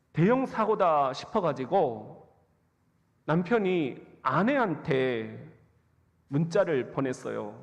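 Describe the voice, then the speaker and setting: A male pastor delivers a sermon in a church, slow and unhurried, with a lively voice that climbs and dips. He tells stories with humor and acts out quoted lines. The sound has a long hall echo and comes through dull and lo-fi. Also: a little high. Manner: humorous storytelling with acted-out quotes. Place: church sanctuary.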